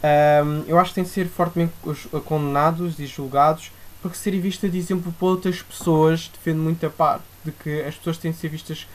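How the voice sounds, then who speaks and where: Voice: medium pitch, steady tone, brisk, hardly any pauses. A young adult with a European Portuguese accent co-hosting a podcast, giving opinions casually and insistently, rephrasing points as they go. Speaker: podcast co-host.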